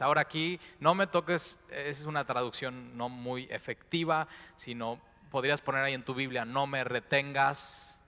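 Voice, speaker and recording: Male pastor, bright tone, hushed-to-fervent sermon delivery, big reverberant hall. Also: mid-range voice. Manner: swings between hushed and loud impassioned preaching.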